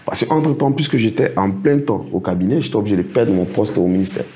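Middle-aged man, low dark voice, interview guest who tells anecdotes and acts out dialogue. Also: expressive, quick pace. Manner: recounts anecdotes, acts out others' words. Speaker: interview guest, project financing consultant. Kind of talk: storytelling in a casual interview.

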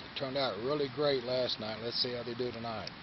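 Speaking fairly quickly with medium pitch and fairly even intonation, a camper casually explains his forest campsite by a river step by step for his vlog viewers. The handheld camera mic produces dull, home-video audio with faint outdoor hiss.

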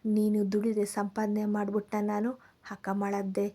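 A woman voicing a blunt, caring grown son who talks in gruff village speech. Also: mid-range voice, monotone, unhurried, dark tone, close to an everyday voice. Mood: bossy.

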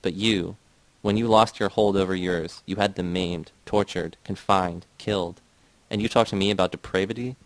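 A man's voice: low-pitched, steady tone, moderate pace, no room sound, natural voice. A sobbing, near-hysterical woman, read by a man. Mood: distraught. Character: distraught woman accusing a former leader.

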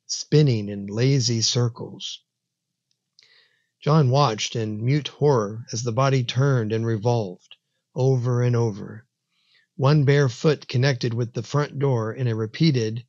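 A man narrating a scripted horror story in a slow, measured, dramatic way. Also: medium pitch, a little mellow, no echo, lo-fi sound.

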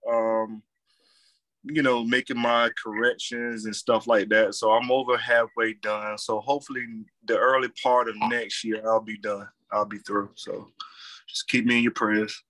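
A man's voice: mid-range voice, sharp tone, no room sound. An American man casually introducing himself to a group on a video call. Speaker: college coordinator and doctoral student.

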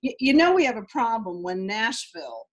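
A woman's voice: on the high side, very animated, normal speed. A woman with a New York accent joining a casual webinar chat, rambling and full of fillers. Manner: chatty and rambling, with many fillers. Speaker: webinar participant.

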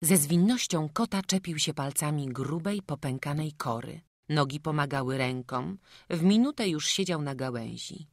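A woman narrating an audiobook in a calm, even reading voice, recorded close in a studio. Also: low voice, moderate pace, no room sound. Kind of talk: scripted narration. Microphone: close studio mic.

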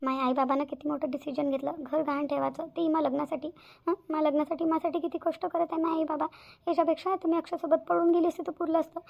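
A high, quick-talking young village bride in a cartoon. She is tearful and self-sacrificing, and insistently repeats herself. Her voice carries a gravelly edge and keeps to a narrow range. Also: little pitch movement, darkish tone. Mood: distressed. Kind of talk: cartoon voice acting.

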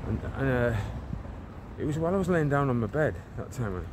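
Here, an English man in his forties talks in an animated, fairly quick, mid-range voice as he walks a residential street, phone at arm's length. Praying and preaching fervently, he tends to ramble and restart his words, while traffic passes outdoors.

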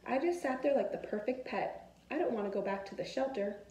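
An eager, grateful young family dog speaks earnestly from a storybook, as a woman reads it aloud. The voice is mellow and a little high. It sits in an echoey room with a faint hum behind it. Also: lively intonation, a little fast, recorded from a distance, lightly acted. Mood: anxious. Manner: earnest first-person storybook telling.

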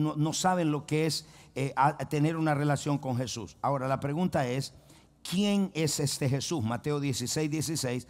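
With a fairly high pitch and a darkish tone, a male pastor preaches emphatically. He repeats himself and restarts frequently, often asking the congregation to say phrases back and to say amen.

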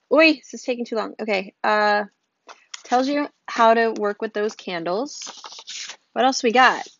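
A woman's voice: medium pitch, lo-fi sound. A woman chatting casually at home as she unboxes a subscription box, rambling and reading items aloud with asides. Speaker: unboxing vlogger. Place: room at home, storm outside.

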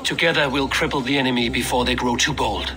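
An actor playing a resolute, commanding Norse god who leads Viking warriors in a video game, with an authoritative, declamatory delivery. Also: male voice, medium pitch, fairly even intonation, fast, bright, forceful tone, soft background music, close to an everyday voice. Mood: stern, resolute.

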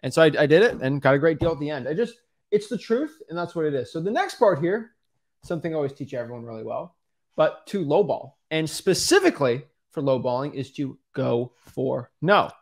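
A young male co-host, voice on the high side and expressive, speaks a little fast in a relaxed studio podcast about coaching, peppering his talk with fillers and calling listeners guys. The setting is a backdrop studio with a boom-arm studio mic.

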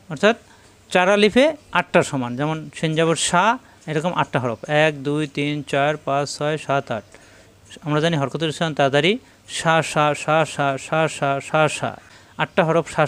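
A man with a Bangladeshi Bengali accent teaching Quran recitation rules step by step, patiently drilling syllables by repeating them slowly. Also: on the high side, fairly bright tone, clean tone. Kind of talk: step-by-step tajweed lesson.

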